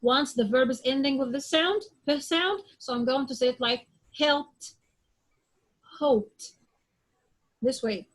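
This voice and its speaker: A woman's voice: high-pitched, moderate pace, few pauses, poor audio. A woman teaching English pronunciation in class, drilling example words one by one and often checking with "okay?". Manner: drills word sounds aloud one at a time.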